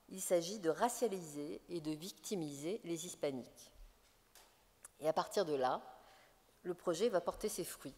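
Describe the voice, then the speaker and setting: Woman lecturer, mid pitch, measured and emphatic, long hall reverb. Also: darkish tone. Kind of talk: public lecture. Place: conference hall.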